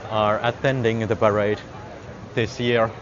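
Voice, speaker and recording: This livestream walking vlogger from Finland talks casually with viewers while moving through a parade on a crowded city street, frequently chuckling. His lowish voice shows little pitch movement and an unhurried pace, captured by a handheld phone as lo-fi sound with crowd noise.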